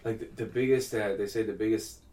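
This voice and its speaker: Low-voiced man hosting, thinking aloud. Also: fairly even intonation, brisk, mellow. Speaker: podcast host. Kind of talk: casual interview chat.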